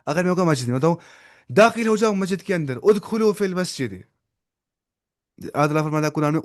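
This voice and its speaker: A man with a fairly high voice leads an online language class. He explains each point step by step and slips English words into his teaching. He often stops to quiz his students by name. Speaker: Arabic teacher.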